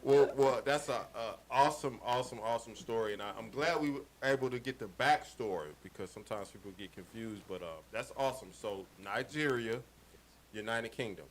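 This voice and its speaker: A man's voice: mid-range voice, brisk. A man hosting a radio interview, upbeat and playful, repeating his words. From Atlanta, United States. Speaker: radio show host.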